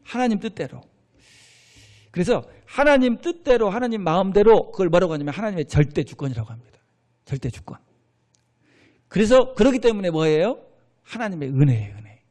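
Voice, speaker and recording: Animated high-pitched preaching man. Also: a little fast, pauses often. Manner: animated preaching with call-and-response questions to the congregation. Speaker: pastor. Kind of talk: sermon. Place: church sanctuary.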